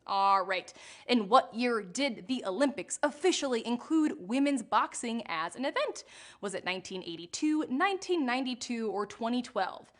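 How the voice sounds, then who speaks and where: A woman's voice: a little high, lively intonation, normal speed. A young woman hosting a live trivia game show, bubbly and jokey, laughing at her own puns as she reads out questions and answers.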